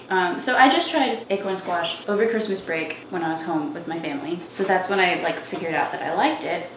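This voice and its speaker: Chatty young woman, far from the mic. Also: mid-range voice. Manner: chatty, rambling, lots of "like". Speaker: vlogger. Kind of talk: casual cooking vlog chat. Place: home kitchen, indoors. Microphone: camera across the kitchen. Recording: roomy, distant kitchen audio with noise.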